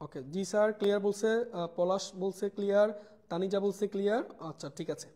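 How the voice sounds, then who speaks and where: A man's voice: high-pitched, fairly even intonation, fast, warm tone. A young man teaching a live online math class. He repeats key points, mixes in English words and calls his students brother. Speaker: math tutor.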